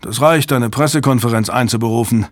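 A man voicing a brash, loud male computer security chief who talks in a sarcastic, booming, scornful way. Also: brisk, no echo, studio quality, close to an everyday voice.

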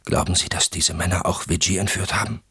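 A man's voice: deep voice, fairly even intonation, a little fast, bright, forceful tone, slightly rough, no echo, clean studio sound, exaggerated voice. A man voicing a frightened adult woman in an audiobook, with a raised, strained voice. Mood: anxious. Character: frightened one-legged woman, adult, tense. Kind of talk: audiobook character voice.

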